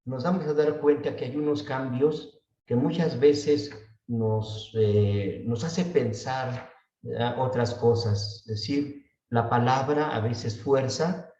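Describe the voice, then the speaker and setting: A man teaching a slow Bible study class, often checking in with his listeners and drawing out the words he repeats. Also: mid-range voice, mellow. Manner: unhurried, often asks "¿verdad?" and draws out words he repeats. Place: church room. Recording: echoey room, voice far from the mic, dull sound.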